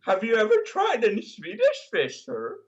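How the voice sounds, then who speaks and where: A male caller hams up a fake Swedish accent, his high voice leaping all over the place. He swears and turns combative fast. The call comes through a dull, muffled line. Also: huge pitch swings. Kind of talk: prank call-in.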